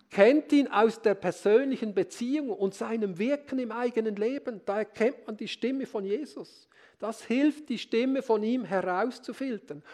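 A man with a notably high voice delivers a sermon in a calm, earnest way. He speaks as a preacher and keeps drawing his listeners in with brief rhetorical questions.

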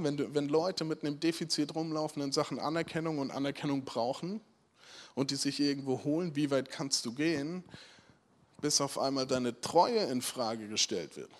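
Man, chatty sermon, slightly high voice, rhetorical questions. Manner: rhetorical questions, frequent "right?" check-ins. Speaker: preacher. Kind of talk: conversational sermon.

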